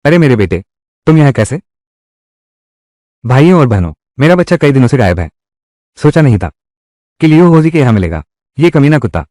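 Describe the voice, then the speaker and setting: A man narrating a dubbed drama recap, speaking every part in the same voice. His pitch sits mid-range but moves up and down. The sound is dry and close, with no echo. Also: big pitch swings, brisk, pauses often, dark tone. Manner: reads every part in one voice. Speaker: dubbing narrator. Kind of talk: Hindi drama recap dubbing.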